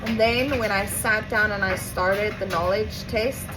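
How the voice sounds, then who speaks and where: Over background music, a young South African woman with an Afrikaans accent speaks at a medium pitch and a slightly slow pace. As a vlogger, she tells a rambling, chatty story to camera, full of asides and self-corrections. It's a noisy home recording, with appliances running in the background.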